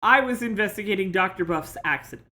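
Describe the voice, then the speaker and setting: A woman voicing a male lawyer in a courtroom game as a smug supervillain, with slow, theatrical, insinuating menace. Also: mid-range voice, lively intonation, bright, forceful tone, a little hiss or hum. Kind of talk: voicing dialogue while playing a courtroom video game. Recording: music behind the voice.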